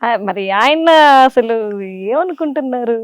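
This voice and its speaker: A young woman with a Godavari Telugu accent answers interview questions in a chatty, animated way, her voice sitting a little high. The sound is dry and close, with no room echo. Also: unhurried. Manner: chatty and animated, with frequent fillers. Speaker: serial actress, interview guest.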